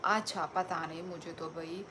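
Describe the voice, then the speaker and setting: A woman's voice: fairly low pitch, fairly even intonation, moderate pace, background noise. A woman from Tripura, hosting a casual livestream. She reads out viewer comments and answers them in a teasing, playful way. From Tripura, India. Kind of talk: casual live-stream chat.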